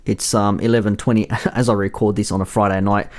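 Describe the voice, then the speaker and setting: A young man hosts a solo podcast previewing football, his voice hoarse and husky from yelling in a bar. He rambles fairly quickly in a lowish, flat delivery, with lots of fillers and self-corrections.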